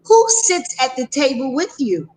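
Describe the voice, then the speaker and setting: A woman's voice: high voice, very animated, moderate pace, darkish tone, slight background noise, poor audio. A woman teacher co-hosting a school interview, asking a young child questions patiently and praising her answers. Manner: patient, encouraging, praises often. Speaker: teacher co-host. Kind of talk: gentle classroom questioning.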